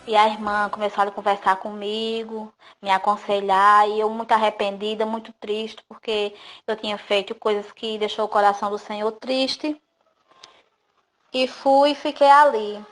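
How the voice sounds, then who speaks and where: A woman's voice: medium pitch, flat delivery, moderate pace, low-quality recording. A woman giving an earnest, emotional religious testimony. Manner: earnest, emotional storytelling with tearful pleas to God. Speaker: testimony giver. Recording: voice over loud background music.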